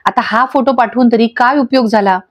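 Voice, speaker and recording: A woman's voice: a little high, brisk, no echo, close to an everyday voice. Woman doing a harsh, scolding woman boss. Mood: angry. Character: angry, scheming woman boss. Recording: dull lo-fi audio.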